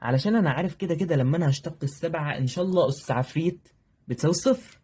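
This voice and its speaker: Man, Egyptian accent, math teacher, mellow husky voice, fast, joking. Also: a little high. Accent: Egyptian Arabic. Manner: brisk, joking, talks to students directly. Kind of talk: exam review lesson.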